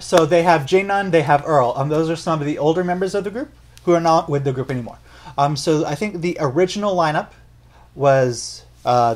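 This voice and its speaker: Chatty young man explaining music. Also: on the high side. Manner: chatty, explains at length and corrects himself. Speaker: music reaction channel host. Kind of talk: casual reaction and analysis talk.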